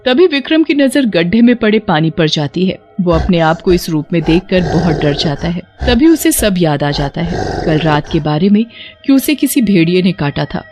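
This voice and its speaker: A woman's voice: fairly low pitch, big pitch swings, moderate pace. Woman narrating a storybook over faint music.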